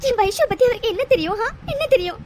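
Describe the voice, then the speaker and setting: A woman's voice: very high-pitched, lively intonation, fast, darkish tone, a little hiss or hum. A woman voicing an anxious, loyal young best friend in a cartoon drama, pleading and soothing. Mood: indignant. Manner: pleading, soothing, repeating "please".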